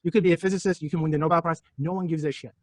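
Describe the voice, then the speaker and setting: A man from Turkey lectures on physics rapidly, his slightly high voice holding a steady tone. Between jokes and provocations he keeps hurling rhetorical questions at the class, and the sound is dry, free of room echo.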